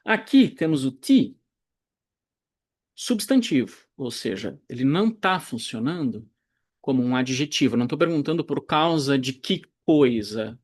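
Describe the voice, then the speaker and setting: A man teaching Greek grammar in a recorded online lecture, explaining slowly and deliberately, pausing and correcting himself as he goes. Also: medium pitch, big pitch swings. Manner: slow, deliberate explaining with pauses and self-corrections.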